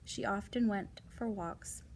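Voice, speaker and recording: A woman reads non-fiction for kids in a slow, slightly mellow medium-pitched voice, with some noise in the background. She sprinkles in casual asides, simple explanations and rhetorical questions aimed at young listeners.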